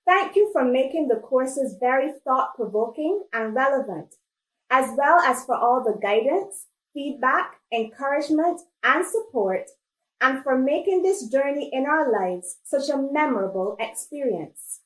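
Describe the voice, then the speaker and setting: A woman's voice: high-pitched, animated, measured pace, echoey room, low-quality recording. A woman from Barbados, the graduating class speaker, reading a formal speech of thanks.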